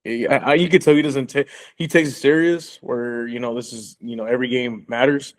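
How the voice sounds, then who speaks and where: A man's voice: medium pitch, steady tone. A man co-hosting a casual sports podcast, restarting his sentences and laughing between points. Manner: halting, repeats words, laughs often.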